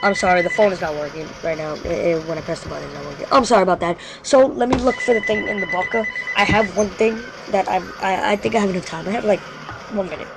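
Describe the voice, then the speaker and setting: A show host with a creaky, mid-range voice talks fast while casually telling a creepy story live. The telling rambles, and they often stop mid-sentence to correct themselves.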